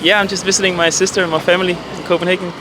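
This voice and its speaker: Easygoing Danish man, higher voice. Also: level tone, racing, background noise. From Denmark. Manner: easygoing, chatty. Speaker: interviewee.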